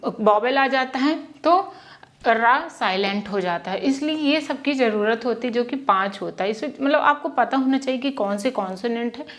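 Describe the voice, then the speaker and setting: A woman teaching English pronunciation at a whiteboard, often asking a question and answering it herself and repeating sounds slowly. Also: sits high. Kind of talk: whiteboard lesson in Hindi. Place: classroom with whiteboard.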